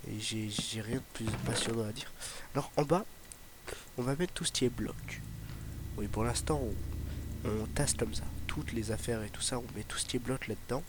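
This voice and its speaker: Medium-pitched and moderately paced, a young man with a hint of an Ardèche accent chats loosely over his gameplay. As a gaming YouTuber doing a casual Let's Play, he rambles with frequent fillers and restarts on a noisy home microphone.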